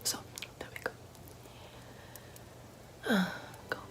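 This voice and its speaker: In an ASMR roleplay, a woman whispers very slowly as a vain, pompous aristocratic lady doing her makeup, sounding haughty, self-admiring and gossipy.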